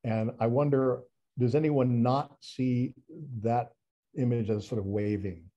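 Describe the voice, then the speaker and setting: A man's voice: mid-range voice, fairly even intonation, unhurried, mellow, muffled recording. A man giving a casual presentation over a video call, chatty and self-deprecating, with frequent restarts and fillers. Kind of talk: casual online talk presentation.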